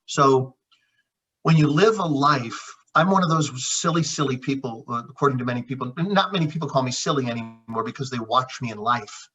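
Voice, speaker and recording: A man's voice: medium pitch, lively intonation, fairly quick, bright, forceful tone. A middle-aged man, a naturopath and chiropractor, telling personal stories in an earnest, reflective conversational way, often calling his co-host by name. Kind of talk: heartfelt conversational storytelling. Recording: dull lo-fi sound.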